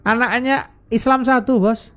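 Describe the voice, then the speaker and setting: Indonesian radio preacher acting out stories. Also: male voice, unhurried, a bit bright. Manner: acts out dialogue with raised pitch. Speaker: religious teacher on radio. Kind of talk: storytelling sermon. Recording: dull lo-fi radio sound with faint music.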